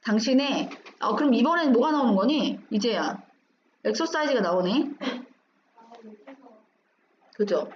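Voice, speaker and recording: A woman's voice: a little high, lively intonation, measured pace, long pauses. A woman teaching English, going through an exam passage line by line, asking questions and answering them herself. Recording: dull roomy recording with faint hum.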